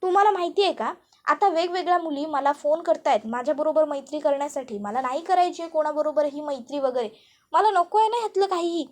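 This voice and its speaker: A flustered young husband pushes back in exasperated bursts, as a woman narrator puts him on. The voice sits high and rises further when he objects. It is told as a spoken storybook retelling of a serial. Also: quick pace, darkish tone, lightly acted. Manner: exasperated protest.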